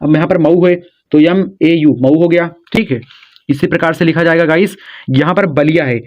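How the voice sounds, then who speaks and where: A man's voice: a little high, fairly even intonation. Man teaching spelling on a lo-fi recording. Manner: repeats "theek hai" often, spells letters out slowly. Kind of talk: spelling lesson for viewers. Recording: dull lo-fi sound.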